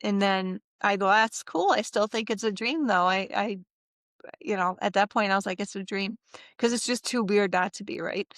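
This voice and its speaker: A middle-aged woman recounting a personal experience in a casual interview, animated and acting out what others said, with frequent laughs. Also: medium pitch, moderate pace, no echo, studio quality. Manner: animated, acts out quoted voices, laughs often. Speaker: interview guest.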